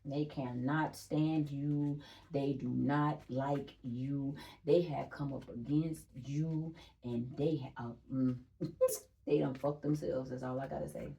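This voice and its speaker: A woman's voice: rumbling low, fairly even intonation, slow, vocal fry, dark tone, recorded from a distance, lo-fi sound, slight background noise. A young woman gives a casual spiritual energy reading, chatty and emphatic, repeating phrases, swearing and laughing often.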